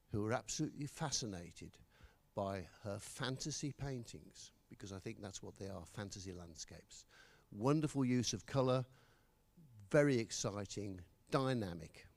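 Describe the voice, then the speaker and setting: A man's voice: lowish voice, a little mellow, no echo. A man hosting an art event who enthusiastically introduces the next artist on stage. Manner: enthusiastic, praising. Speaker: event host.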